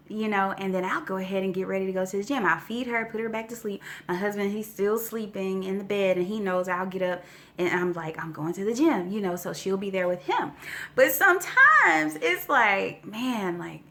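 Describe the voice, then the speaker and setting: A woman's voice: mid-range voice, moderate pace, pushed and bright. A woman in her forties chatting casually to her viewers in a storytelling vlog, slightly winded and often checking in with "okay?" and "you know". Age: 40s. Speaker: vlogger.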